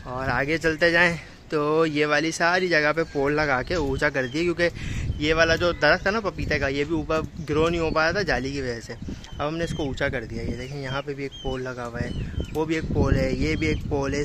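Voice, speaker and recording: Here a young adult farm vlogger walks around his outdoor animal farm chatting easily and addressing the animals warmly, recorded on a phone camera at arm's length. He speaks on the high side at a moderate pace over a noisy background.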